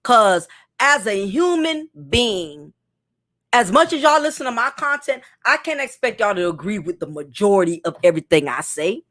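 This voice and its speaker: A woman's voice: mid-range voice, sing-song, moderate pace, a bit bright. A woman from New York giving a blunt, profane casual commentary monologue to her viewers. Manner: blunt, profane, with mimicked voices. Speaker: content creator.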